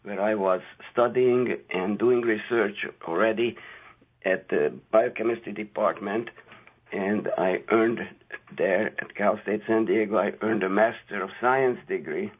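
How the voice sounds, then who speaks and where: An older man from Hungary, a guest scientist on a radio interview, talking haltingly with many fillers. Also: on the low side, slightly rough. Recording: tinny phone-like radio audio.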